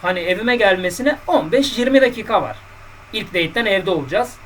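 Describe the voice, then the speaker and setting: A man's voice: high-pitched, animated, brisk, distant mic, slight background noise, low-quality recording. A man coaching on dating in a casual podcast monologue, blunt and colloquial, lecturing his listeners directly.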